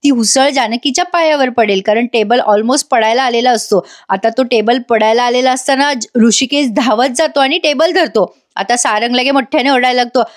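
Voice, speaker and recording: Her voice is on the high side, at a moderate pace with few pauses. She's a TV serial reviewer doing a conversational voice-over recap aimed straight at her viewers.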